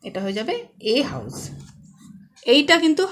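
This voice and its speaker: A woman's voice: fairly high pitch, wildly swooping pitch, normal speed. A woman with a West Bengal Bengali accent teaching a children's English lesson, patiently asking questions and then answering them herself. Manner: patient, asks and answers her own questions.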